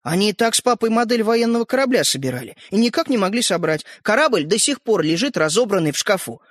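A man reads a children's story aloud in a lively, expressive way. His voice is high for a man and moves up and down a great deal. The recording is dry and close. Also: quick pace, no echo. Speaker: narrator. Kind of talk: storybook narration.

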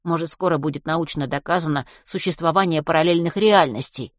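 Low-voiced woman narrating a story. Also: fairly quick, no room sound, clean studio sound. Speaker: audiobook narrator. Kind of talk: scripted narration.

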